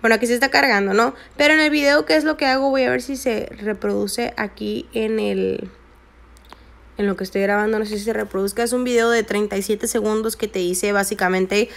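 Her voice a bit high, steady, and slightly fast with vocal fry, a woman in her 20s who vlogs about network marketing talks viewers through a phone screen recording. She keeps repeating points to stress them.

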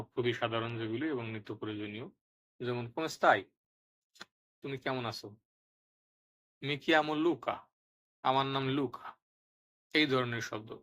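Bright-voiced man teaching words aloud. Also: mid-range voice. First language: Bengali. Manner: reads each word twice, loud and deliberate. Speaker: Italian language teacher. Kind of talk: vocabulary lesson with repeat-after-me drills.

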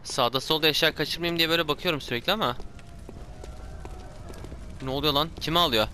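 A man commenting on his own gameplay, talking to himself, yelling and swearing when startled, his throat sore from shouting. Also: a little high, fairly quick, a little hiss or hum. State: hoarse from shouting. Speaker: gameplay streamer.

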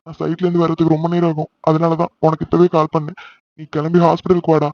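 A man voices a caring uncle figure in a homemade cartoon, firm and reassuring. He talks fast in a slightly raised voice. The recording is dry and somewhat dull. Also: a little high, monotone, natural voice. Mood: urgent. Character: Tamil elder brother and uncle, caring and steady. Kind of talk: amateur cartoon dubbing.

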